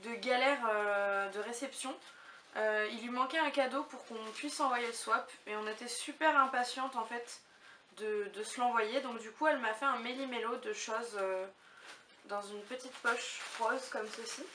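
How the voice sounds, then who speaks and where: A roomy, slightly distant recording with faint noise carries a woman's fairly high voice. She talks casually to camera like a vlogger unboxing gifts, gushing and thinking aloud as she goes. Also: steady tone, moderate pace, bright, forceful tone.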